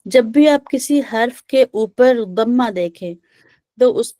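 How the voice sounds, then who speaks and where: A woman's voice: on the high side, expressive, dark tone, no room sound, clean studio sound. A woman teaching recitation in an online class, patiently drilling short vowel sounds and checking with students. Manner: patient, repeats "theek hai" often, drills sounds slowly. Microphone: video call.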